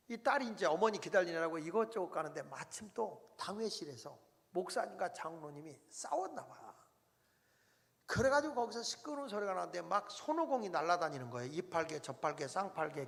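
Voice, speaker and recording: A man's voice: high voice, vocal fry, fairly bright tone. A man preaching a revival sermon, telling a story dramatically and dropping to near-whispers before rising again. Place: large church sanctuary. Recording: long reverb of a church hall.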